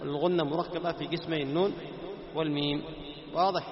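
Male teacher, fast-talking, drills his class with repeated questions; dull lo-fi recording. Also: on the high side, fairly even intonation, crowd noise. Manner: quizzes students, repeats key terms, slows down to recite examples. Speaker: Quran recitation teacher. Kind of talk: classroom lesson on tajweed. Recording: echoey hall, dull lo-fi sound.

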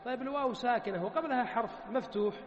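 A man teaching Arabic grammar one-on-one, patiently quizzing his student with repeated questions and drawing out word forms slowly. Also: extremely high pitch. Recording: muffled, echoey room with long reverb.

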